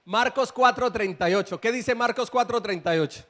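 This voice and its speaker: A male pastor preaches in a church with a strikingly high voice. He reads scripture aloud and breaks into emphatic, rising bursts, speaking directly to his congregation. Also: a little fast, a bit bright. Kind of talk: sermon.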